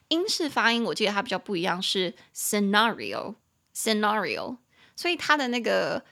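A young woman hosting a podcast English lesson, playful and giggly, repeating and spelling English words slowly. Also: mid-range voice, pushed and bright. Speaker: English teacher and podcast host.

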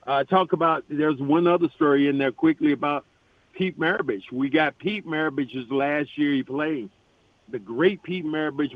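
Animated man telling stories over the phone. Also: a little high, no echo. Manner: animated anecdotes, frequent restarts, laughing. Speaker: guest, retired basketball player and author. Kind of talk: storytelling in a radio interview. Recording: tinny phone line.

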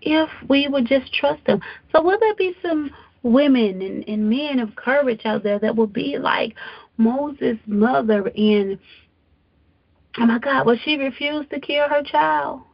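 Lady preacher giving a sermon, highish raspy voice, repeats stuff for emphasis, kinda muffled audio. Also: a little slow. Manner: emphatic, exhorting, repeats phrases for effect.

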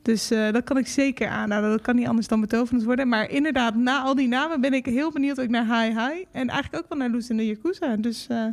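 A woman co-hosting a podcast in casual chat, enthusiastic with quick asides. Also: on the high side. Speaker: radio staff, podcast co-host.

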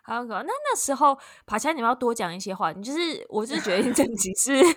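A woman's voice: on the high side, big pitch swings, fast, a little hiss or hum. A woman hosting a podcast, reacting and asking questions. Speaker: podcast host. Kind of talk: casual podcast interview.

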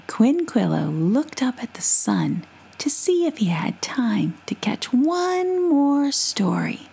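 A woman telling a bedtime folk tale in a soft, unhurried whisper. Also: mid-range voice, gravelly, husky. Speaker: storyteller.

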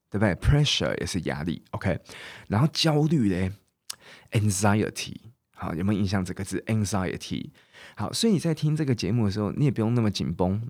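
A man hosting a podcast English lesson, chatty and casual, drilling words slowly and often asking "OK?". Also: fairly low pitch, a little mellow, no echo. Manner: casual, chatty teaching in Mandarin mixed with English. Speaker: English teacher and podcast host.

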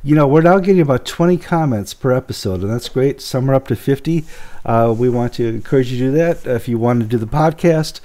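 A man hosting a show in a casual, conversational way, his voice hoarse, husky and stuffed up with a cold. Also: medium pitch, a little fast, warm tone. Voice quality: husky, congested. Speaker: programme host.

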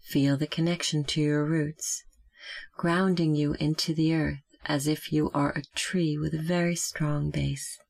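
Long pauses break up the slow, measured instructions of a gentle, calm meditation guide. The voice is mid-range with a gravelly texture.

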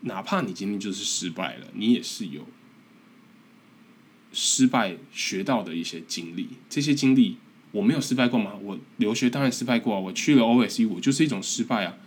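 A man's voice: on the low side, animated, brisk, breathy edge. A man in his twenties from Taiwan with a Taiwanese Mandarin accent, hosting a casual podcast monologue in an earnest, encouraging, self-deprecating way. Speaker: podcast host.

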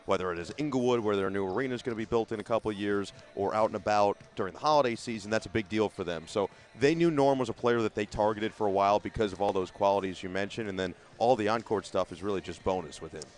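A man's voice: on the low side, quick pace, hardly any pauses. A man, a sports broadcaster, giving fluent, chatty answers as an interview guest. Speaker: radio play-by-play broadcaster, guest.

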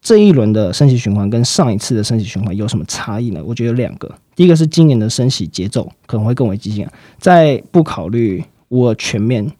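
A man explaining market outlooks in a fast, explanatory way, with frequent fillers and sentence-final particles. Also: medium pitch, big pitch swings, dark tone, no echo, clean studio sound. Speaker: market analyst guest. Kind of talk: financial commentary chat.

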